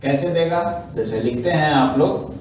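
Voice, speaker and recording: A man's voice: on the high side, normal speed, darkish tone, slight background noise. A man teaching a shorthand class, explaining each step patiently and checking in with his students often. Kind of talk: online class lesson. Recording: echoey room, mic far off.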